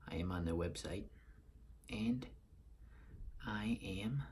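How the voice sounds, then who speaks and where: A man's voice: low-pitched, slow pace, a little mellow, a little hiss or hum. A man in his thirties with a Boston accent, giving a casual beer review and partly reading aloud in a room at home.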